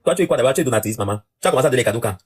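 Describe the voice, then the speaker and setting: Rapid-fire husky man ranting on a live stream. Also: medium pitch. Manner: rapid, animated ranting with repeated phrases. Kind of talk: casual live-stream chat.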